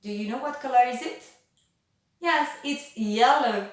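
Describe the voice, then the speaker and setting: A woman teacher talking slowly and patiently to young children, switching between French and English and asking exaggerated questions. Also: sits high. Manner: sings nursery songs. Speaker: kindergarten teacher. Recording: very echoey room, voice from a distance.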